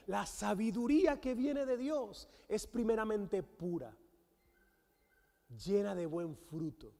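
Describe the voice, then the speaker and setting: A man with a Venezuelan accent, a guest pastor, preaching a sermon with animated storytelling and acted-out quotes. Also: high voice. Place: church sanctuary. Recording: long church hall reverb.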